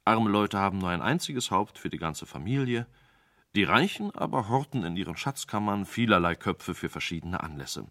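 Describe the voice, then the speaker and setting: A man's voice: deep voice, fairly bright tone, no room sound, studio quality. A man voicing a cautious second wise man telling a strange tale to a king in a radio play.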